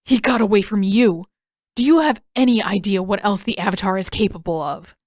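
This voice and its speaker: A woman's voice: medium pitch, normal speed, no echo, clean studio sound, close to an everyday voice. A woman voicing a hot-tempered young male prince in a fan audiobook reading, snapping and indignant. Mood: furious.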